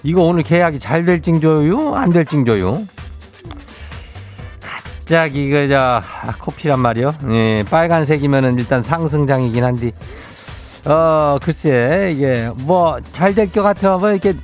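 A man's voice: on the high side, measured pace, darkish tone, faint music behind, voice pushed up, natural voice. A man voicing a folksy, rambling rural village headman with a Chungcheong accent, making announcements in a comic radio bit. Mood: folksy, chatty. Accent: Chungcheong Korean. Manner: rustic, rambling, repeats himself.

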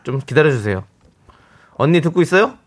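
Playful male radio co-host, lively pitch. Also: fairly quick. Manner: playful, teasing, mock-shouting. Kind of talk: casual radio banter. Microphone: studio microphone.

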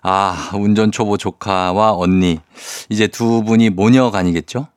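A man hosting a morning radio show from a dry, close studio mic. His voice sits on the low side. He reads listener messages and chats back with quick asides. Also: fairly even intonation, clear, resonant tone, dry recording. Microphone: studio microphone.

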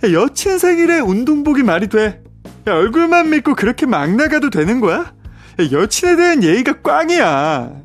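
A man's voice: very high voice, sing-song, moderate pace, faint music behind, voice pushed up, full character voice. A man voicing a chatty, complaining woman friend, who gossips and vents in an exasperated, whiny way. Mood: indignant.

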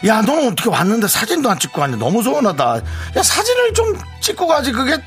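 A man's voice: very high-pitched, huge pitch swings, fast, fairly bright tone, faint music behind, heavily acted. Man playing a pushy, whiny self-centered friend. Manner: fawning to guests, whiny and demanding to friend. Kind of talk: radio skit acting.

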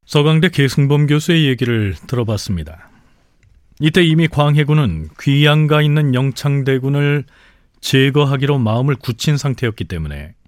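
A man hosting and narrating a history program in clear, explanatory scripted speech. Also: medium pitch, darkish tone, no echo, studio quality.

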